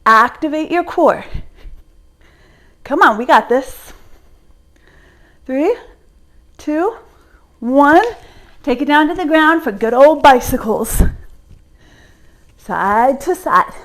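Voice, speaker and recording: A woman's voice: sits high, expressive, slow, pauses often, fairly bright tone. A young woman leading a home workout, giving encouraging cues while exercising along, getting out of breath at times. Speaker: fitness instructor.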